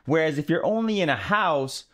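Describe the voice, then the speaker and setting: A man's voice: a little high, expressive, normal speed, fairly bright tone. A man hosting a podcast, chatting in an opinionated, easygoing way and laughing often. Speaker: podcast host. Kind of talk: casual conversation.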